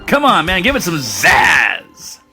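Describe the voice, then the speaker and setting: A man co-hosts a casual podcast with a playful, deadpan teasing manner. His voice is bright and lively, rising and falling a lot in pitch. Faint music sits behind him. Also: slow pace, gravelly, slightly rough. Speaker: podcast co-host. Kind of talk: casual chat.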